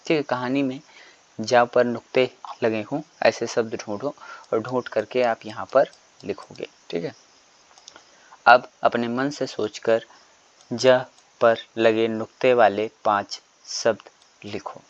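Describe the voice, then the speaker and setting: A man's voice: mid-range voice, steady tone, slow. Male teacher, patient step-by-step explainer who keeps quizzing the class, dull lo-fi recording. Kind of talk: textbook lesson explanation.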